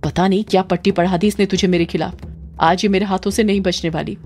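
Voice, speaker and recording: A woman's voice: medium pitch, steady tone, quick pace, a little mellow, natural voice. A woman voicing Rajni, a cruel scheming older witch, mocking and menacing, over faint music. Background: faint background music.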